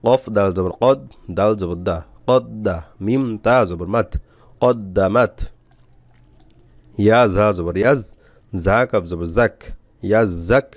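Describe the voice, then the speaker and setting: A man teaching Quran reading, spelling out letters and syllables slowly with frequent pauses. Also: lowish voice, no echo. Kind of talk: step-by-step spelling lesson.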